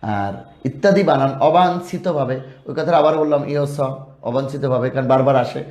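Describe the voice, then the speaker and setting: A man with a Bangladeshi Bengali accent teaches spelling, calling out long word lists in a lilting, rising chant. His voice is mellow and a little dark. The sound carries the echo of a hard room. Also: medium pitch, normal speed. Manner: drills word lists in a rising sing-song. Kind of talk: spelling lesson.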